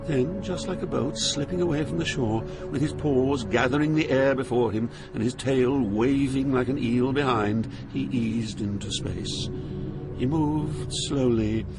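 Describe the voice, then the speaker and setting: Over music, an actor plays an awed, fearful poet pilgrim, narrating his journey through hell in a solemn, theatrical manner full of dread. His natural mid-range voice moves at a measured pace, and the dramatized literary narration is roughly recorded.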